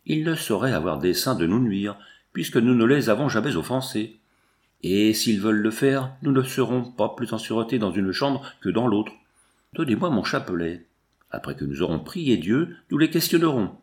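A man narrating a classic novel as an audiobook, reading the dialogue of every character in a measured voice. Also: on the low side, lively intonation.

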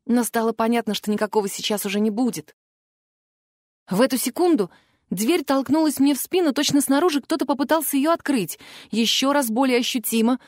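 A woman narrating a first-person fantasy audiobook in an expressive, emotional way. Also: sits high, brisk, dry recording, studio quality.

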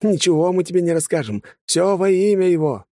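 A man's voice: sits high, expressive, brisk, mellow, no echo, clean studio sound, voice pushed up. A man reading an audiobook, voicing a zealous cultist thug who rants defiantly. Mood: fanatical. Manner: ranting, defiant. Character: fanatical male cultist thug, zealous, shouting.

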